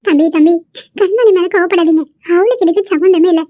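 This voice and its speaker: A woman's voice: extremely high pitch, quick pace, warm tone, no room sound. A woman voicing a tearful elderly grandmother in a cartoon, pleading and worried. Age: older. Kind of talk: cartoon voice acting. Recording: muffled lo-fi recording.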